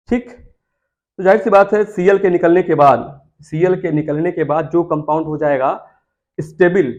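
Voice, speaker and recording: A man teaching chemistry, his voice pitched a little high for a man. He repeats key terms and keeps turning to his students with questions. The recording sounds dull and lo-fi. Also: a little mellow. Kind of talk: classroom lecture.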